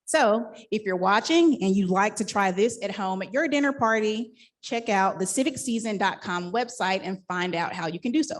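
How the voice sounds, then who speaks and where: An upbeat woman hosts a live panel, moving through a scripted introduction and slipping in light laughing asides. Her voice sits at an ordinary middle pitch for a woman. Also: normal speed. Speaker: event host and moderator.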